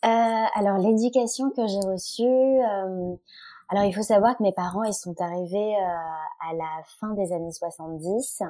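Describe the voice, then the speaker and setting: A woman from France, a podcast guest speaking haltingly with many fillers. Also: medium pitch, warm tone, no room sound. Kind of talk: podcast interview.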